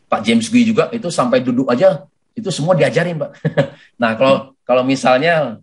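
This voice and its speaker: A man giving a lively sales coaching talk for network marketing, who often addresses his listeners as sir and acts out sales conversations. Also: medium pitch, moderate pace. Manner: animated, addresses listeners as "Pak" constantly.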